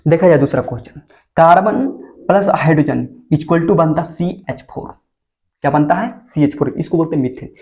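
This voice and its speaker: Teaching chemistry to students preparing for board exams, this man keeps asking the class questions and then supplying the answers. He speaks at a normal speed in a fairly high, darkish voice.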